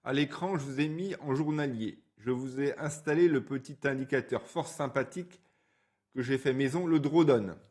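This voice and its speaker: A man talks through a stock chart in a blunt, colloquial way, with a mid-pitched voice. He stumbles over his words now and then. It is a casual market commentary voice-over for his own channel. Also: moderate pace, darkish tone.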